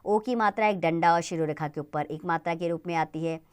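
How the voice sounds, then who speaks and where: Woman, teacher, children's grammar lesson, smooth clear voice, deliberate, spells out sounds. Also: lowish voice.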